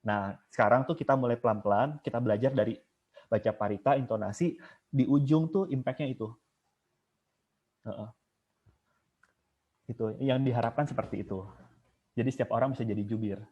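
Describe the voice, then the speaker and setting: A man's voice: medium pitch, fairly quick, pauses often, darkish tone, breathy edge. A man giving an informal online lecture on chanting, casual and digressive, now and then chanting an example. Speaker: guest speaker teaching chanting. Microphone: video call. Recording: muffled video call audio.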